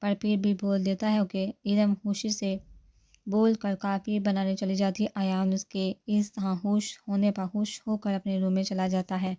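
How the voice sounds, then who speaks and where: A woman narrating a serialized novel aloud in a steady storytelling manner. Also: medium pitch.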